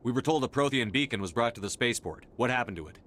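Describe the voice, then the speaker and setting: An actor playing a stern soldier who bluntly questions a witness. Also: male voice, mid-range voice, expressive, quick pace, fairly bright tone, slight background noise, natural voice. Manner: blunt, interrogating. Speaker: game protagonist.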